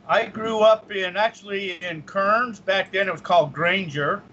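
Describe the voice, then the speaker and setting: A man's voice: high-pitched, a little slow, sharp tone, slight background noise. A man from Utah, a radio host, chatting casually and jokingly on a call-in show. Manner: chatty, jokey, laughs often. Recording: slightly dull lo-fi sound.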